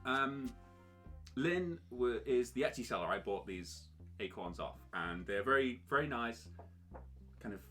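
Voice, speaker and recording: A man's voice: medium pitch, expressive, unhurried, a bit bright, soft background music. A man narrating as game master of a tabletop game, with a playful, joking delivery.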